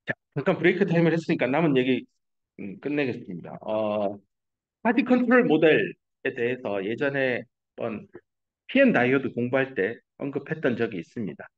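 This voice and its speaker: 남자 교수의 강의, 탁한 녹음. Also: male voice, medium pitch, very animated, a little fast. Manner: explanatory, mixing English technical terms, casual asides. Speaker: university professor. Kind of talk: recorded lecture. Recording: dull lo-fi classroom recording.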